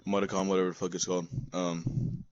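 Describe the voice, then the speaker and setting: A man's voice: deep voice, flat delivery, quick pace, darkish tone, lo-fi sound. A young man in casual gaming chat who talks bluntly, swears often and trips over his words. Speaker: friend on call.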